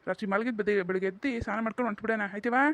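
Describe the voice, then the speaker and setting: A man voicing a gentle village father in a cartoon, coaxing his little daughter softly. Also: sits high, steady tone, very fast, no room sound. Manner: soft, coaxing.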